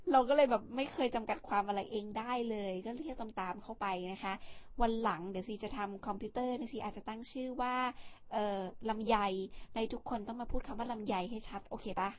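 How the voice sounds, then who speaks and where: Playful, chatty woman vlog host. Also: on the high side. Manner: playful, teasing, talkative. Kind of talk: casual chatty vlog talk.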